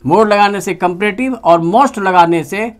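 A grammar teacher giving a lesson in Hindi. The teacher explains rules slowly and stretches words out while writing. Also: medium pitch, a little hiss or hum. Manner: slow, drawn-out dictation while writing. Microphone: phone on a tripod with a clip-on mic.

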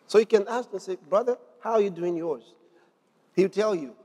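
A man preaching a sermon in an emphatic way, repeating words and shouting to drive points home. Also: high-pitched, normal speed, slightly rough, in a large hall.

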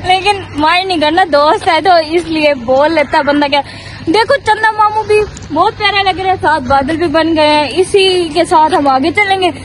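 A woman's voice: very high voice, moderate pace, rough recording. A young woman vlogging casually and playfully on a university campus, speaking through a face mask. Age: young adult. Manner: playful, teasing, chatty. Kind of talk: casual vlog chat. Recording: loud street and crowd noise.

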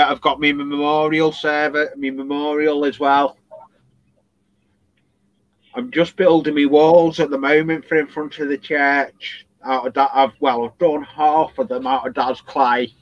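A man's voice: on the high side, level tone, unhurried, long pauses, no echo. Man hobbyist, casual chatter, muffled recording. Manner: chatty, muttering to himself while working. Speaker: model railroad hobbyist. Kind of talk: casual chat. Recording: dull lo-fi audio.

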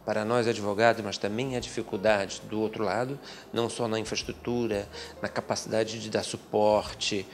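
A middle-aged man, a lawyer, answering interview questions in a small office, speaking in a measured, methodical way with frequent hesitant fillers. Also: lowish voice, flat delivery, slight background noise. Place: small office with bookshelves, indoors. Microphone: handheld interview mic.

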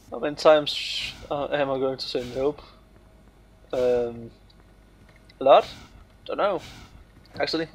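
A man's voice: a little high, a little mellow, a little hiss or hum. A man giving casual, jokey commentary while playing a game, exclaiming and laughing often. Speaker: gamer playing on video. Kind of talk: casual let's play commentary.

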